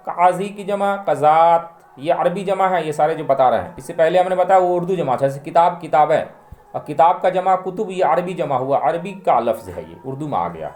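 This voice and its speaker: A man teaching a spoken grammar lesson, reading out word pairs one by one and repeating them slowly and deliberately for learners. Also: a little high, a little mellow, roomy sound. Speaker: language teacher.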